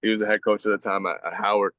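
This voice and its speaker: A young man with a lowish voice tells his stories in loose slang, swearing often and filling gaps with "like" and "bro." The sound is close and dry, with no room around it. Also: flat delivery, rapid-fire, sharp tone, no room sound. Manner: slangy, profane storytelling with many fillers. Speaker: guest, baseball pitcher. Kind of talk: casual podcast chat.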